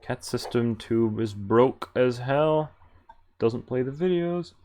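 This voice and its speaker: A man with a medium-pitched, slightly mellow voice gives casual live commentary as a game streamer, animated yet slow, muttering wry, mildly exasperated asides. Video game music plays behind his voice.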